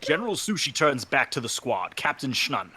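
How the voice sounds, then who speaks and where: A man's voice: mid-range voice, big pitch swings, moderate pace, bright, forceful tone, slightly rough. A man narrating a fanfiction reading with friends, upbeat as he announces each speaker's cue. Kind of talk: casual chat and fanfiction narration.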